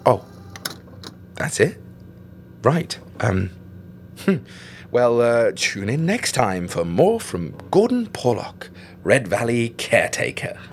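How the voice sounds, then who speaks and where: An actor playing a chatty caretaker who talks to himself, with muttered and whispered asides. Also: male voice, medium pitch, sing-song, slow, pauses often, slight background noise. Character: chatty male caretaker archiving logs.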